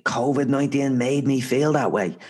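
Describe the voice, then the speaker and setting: A man's voice: medium pitch, moderate pace, a little mellow. A man with an Irish accent talking as a motivational interview guest, earnest and emphatic, repeating phrases for stress. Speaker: podcast guest, author and speaker.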